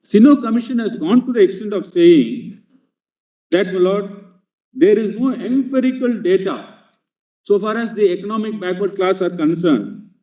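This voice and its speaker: A man's voice: high-pitched, normal speed. A man arguing a legal case before a court, formally addressing the bench with "my lord" at nearly every phrase. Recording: tinny, echoey courtroom feed from a distant mic.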